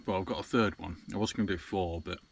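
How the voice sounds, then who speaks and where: A man's voice: sits low, fairly even intonation, quick pace, vocal fry, slight background noise. A man chatting casually to camera from inside a small parked van, rambling with lots of ums. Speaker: van-life vlogger.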